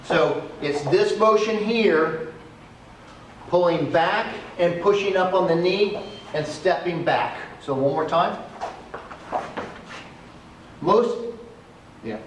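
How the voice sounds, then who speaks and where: This man's voice sits high, and he goes slowly with frequent pauses while teaching self-defense moves and demonstrating each step. He's outside on cement, captured by a far-off camera that sounds echoey and carries a little hiss or hum.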